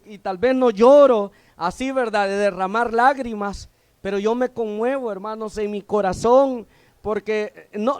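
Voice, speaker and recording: A man from El Salvador preaching a sermon as a deacon, who keeps asking the congregation questions and pausing for their reply. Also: very high-pitched, no echo.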